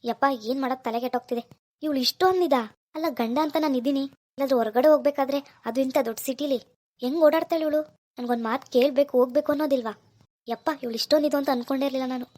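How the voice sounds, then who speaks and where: A woman's voice: sits high, fairly even intonation, rapid-fire, a little mellow. A woman voicing a worried, jealous young husband from a village, scolding and muttering to himself. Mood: fretful. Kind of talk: cartoon voice acting.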